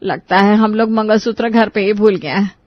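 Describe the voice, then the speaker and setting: A woman's voice: medium pitch, fairly even intonation, moderate pace, no room sound, highs cut off, close to an everyday voice. A woman voicing a fussy, dramatic middle-aged mother of the groom in a cartoon story. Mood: fretful. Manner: dramatic, complaining.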